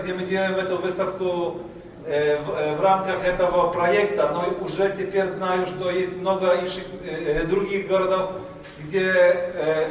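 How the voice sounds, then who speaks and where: Male speaker, high voice, Polish accent, halting non-native delivery of an opening address, heard from afar in a very echoey hall. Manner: halting, searching for words in non-native speech. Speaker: exhibition organizer. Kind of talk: public speech at an exhibition opening. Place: large reverberant indoor hall. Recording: very echoey hall, distant mic, faint noise.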